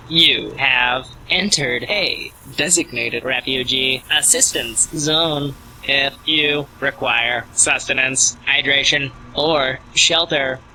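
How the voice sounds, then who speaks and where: A robotic refugee assistance unit. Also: male voice, mid-range voice, slight background noise, full character voice, poor audio. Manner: monotone, clipped machine phrasing, repeats "processing". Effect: robot voice processing.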